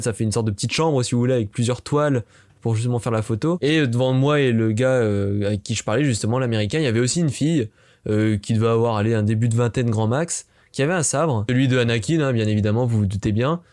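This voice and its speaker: A man's voice: medium pitch, darkish tone. A young man from France telling a fan-meeting story in a casual, chatty way, with lots of fillers. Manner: rapid chatty with many fillers. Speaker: vlogger.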